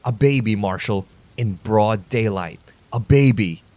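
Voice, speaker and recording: A man playing a furious long-haired vigilante who growls and shouts his accusations. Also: fairly low pitch, a little slow, lightly acted. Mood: outraged.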